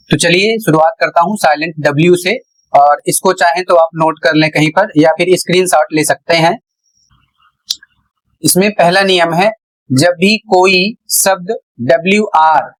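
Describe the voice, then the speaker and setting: The audio is poor, and the man speaking has a slightly high voice. He is an English pronunciation teacher delivering an explanatory lesson, patiently breaking things down step by step and spelling each word letter by letter.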